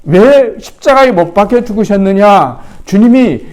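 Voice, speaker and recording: Higher-voiced male pastor preaching. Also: animated, a little slow, a little mellow. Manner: retells the scripture in a conversational way, addressing the congregation directly; acts out quoted lines with raised voice. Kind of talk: sermon.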